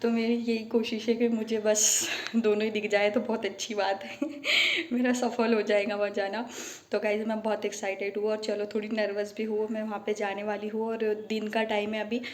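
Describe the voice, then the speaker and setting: A woman's voice: mid-range voice, level tone, moderate pace, hardly any pauses. A young woman vlogging casually from her phone, chatting on and on to her viewers and calling them guys. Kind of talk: casual vlog chat to viewers.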